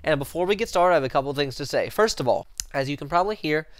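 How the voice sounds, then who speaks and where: Speaking at a quick pace in an expressive, slightly high voice made a bit nasal by a head cold, a young adult sports channel host rambles through casual football commentary with many fillers and self-corrections. He uses a headset mic in a small room with a sports-print backdrop.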